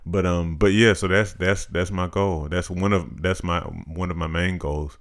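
A man in his thirties co-hosting a podcast, talking in a measured, reflective, casual way. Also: sits low. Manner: measured, reflective, practical-minded. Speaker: podcast co-host. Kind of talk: casual chat.

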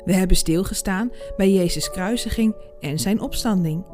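A woman hosting a devotional podcast, reading a Bible passage and reflecting on it in a calm, measured way. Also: mid-range voice, over music.

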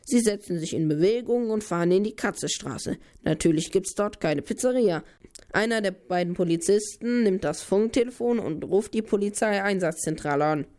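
A woman's voice: mid-range voice, normal speed, a little mellow. A woman telling a children's story as a playful back-and-forth, cutting in to twist the plot.

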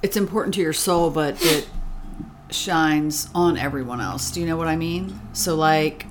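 A woman with a lowish voice hosts a podcast, asking blunt, curious questions in relaxed chat and swearing freely. Faint background hiss runs under her voice. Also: normal speed. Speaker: podcast host. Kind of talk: casual interview chat.

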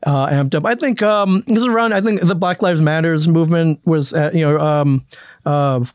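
A man from the American Midwest, a guest in a casual conversation, telling a story with frequent restarts and lively quoted lines. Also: fairly high pitch, normal speed, dry recording, clean studio sound. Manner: storytelling, restarts often, animated when quoting.

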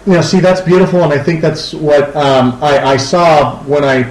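A man co-hosting a casual podcast chat, talking haltingly with lots of fillers and restarts. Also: fairly high pitch, reverberant, poor audio. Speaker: podcast co-host.

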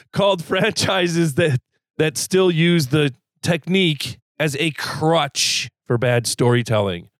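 A man's voice: fairly high pitch, no room sound. Wry male podcast host, dry sound. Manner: wry, measured, asks many questions. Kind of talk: casual podcast discussion.

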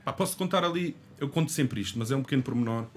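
A man's voice: mid-range voice, animated, very fast. A man with a Lisbon-area Portuguese accent, a rapper co-hosting a casual podcast, who stammers, swears freely and tells stories with animation.

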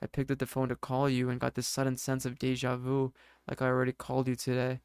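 A man's voice: medium pitch, monotone, fast talker, darkish tone, smooth, dry recording, clean studio sound, close to an everyday voice. A man voicing a confused, mild-mannered husband who speaks hesitantly. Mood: puzzled. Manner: puzzled, hesitant.

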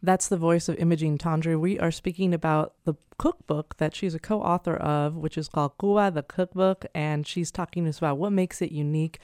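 A woman's voice: sits low, fairly even intonation, a little fast, hardly any pauses, a little mellow, no echo. Woman hosting a studio radio interview. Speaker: radio host.

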